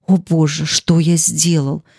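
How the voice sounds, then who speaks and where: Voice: medium pitch, flat delivery, measured pace, gravelly, darkish tone, husky, no echo, studio quality. A narrator voicing a broken, fearful male painter who mutters in despair in an audiobook. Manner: muttering, sobbing. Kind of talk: audiobook character reading.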